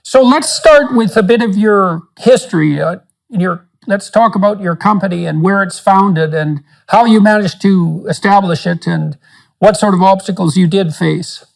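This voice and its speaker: A man hosting an interview podcast, introducing his guest and asking measured, thoughtful questions. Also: high-pitched, creaky. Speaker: podcast host.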